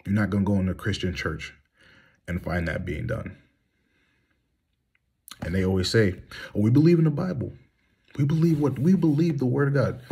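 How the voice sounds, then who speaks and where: A vlogger with a deep, husky, slightly mellow voice vents into his phone, held at arm's length as he reclines in a small indoor room. His candid monologue is heated and blunt, full of rhetorical questions.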